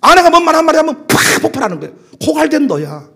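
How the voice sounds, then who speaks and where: A man preaching a sermon as pastor, with a Jeolla dialect, moving between loud emphatic calls and soft asides. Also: very high voice, sing-song, fast, vocal fry.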